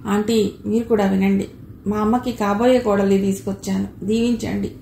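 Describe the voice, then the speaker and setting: An earnest, affectionate young suitor from a storybook, as a woman narrator reads his part. He speaks gently and openly. The voice echoes a little in the room, with faint noise behind it. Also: mid-range voice, flat delivery, normal speed, creaky, close to an everyday voice. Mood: excited.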